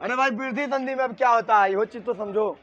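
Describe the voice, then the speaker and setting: A man's voice: very high-pitched, quick pace, a bit bright, lo-fi sound, some chatter behind. A man teaching a grammar lesson at a board, repeating key words and often checking whether his students understand.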